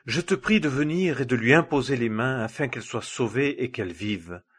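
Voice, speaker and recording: A desperate father begs for help, as a male reader voices him. The voice is husky and middle-pitched. It is read plainly as part of a scripture reading. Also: expressive, moderate pace, a bit bright. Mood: begging. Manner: begging. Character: desperate father, synagogue leader begging for his dying daughter.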